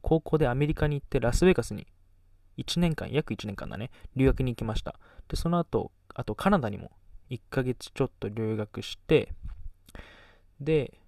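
Gravelly rambling young man. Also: mid-range voice, expressive, normal speed, a little mellow, no echo, recorded from a distance. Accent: Kagoshima. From Kagoshima, Japan. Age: teens. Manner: rambling, self-deprecating, trails off mid-thought. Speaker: podcast host. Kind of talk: casual chat.

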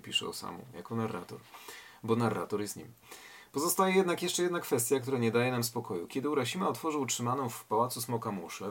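A man with a medium-pitched, slightly breathy voice reads a tale aloud and comments on it reflectively, posing rhetorical questions as a literary commentator.

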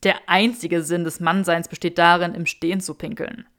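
A woman voicing a smug, teasing young male wizard with dry, mocking banter, pitched lower than her own voice. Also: little pitch movement, normal speed, fairly bright tone, natural voice.

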